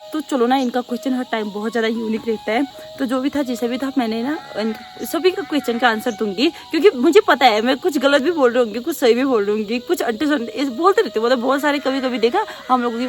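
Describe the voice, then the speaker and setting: A young woman vlogger from the hill region, answering viewer questions in quick, loud, casual chat. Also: a little high. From Pahadi hill region of North India. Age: young adult. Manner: talks very fast and rather loudly.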